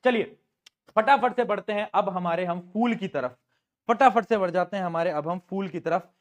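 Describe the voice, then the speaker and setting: A male teacher giving a lively exam-prep lesson, playfully asking his students questions and answering them himself. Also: high voice, moderate pace. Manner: calls students "beta", mixes English terms into Hindi.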